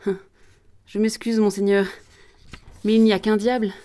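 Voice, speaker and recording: A woman voicing a mocking, scheming male prosecutor priest who sneers and shouts, in a read-aloud play. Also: mid-range voice, fairly even intonation, normal speed, lightly acted. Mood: sneering. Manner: sneering, loud and forceful.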